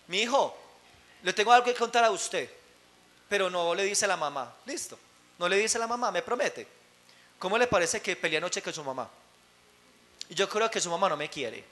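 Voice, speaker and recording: A man voicing a meek father who pleads softly and plaintively. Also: lively intonation, quick pace, few pauses. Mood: pleading. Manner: soft, low and plaintive.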